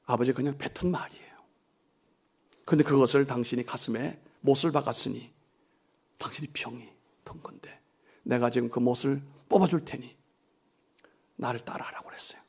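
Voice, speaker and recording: A middle-aged male pastor preaching in a church, telling a story and then exhorting. He drops to hushed near-whispers and rises to loud, emphatic lines. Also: medium pitch, moderate pace, vocal fry, long pauses, husky. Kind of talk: sermon with storytelling. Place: church sanctuary.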